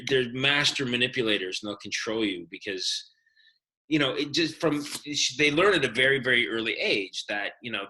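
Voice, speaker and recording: Bright-toned man giving parenting advice. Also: mid-range voice, rough recording. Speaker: podcast co-host. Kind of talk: casual chat.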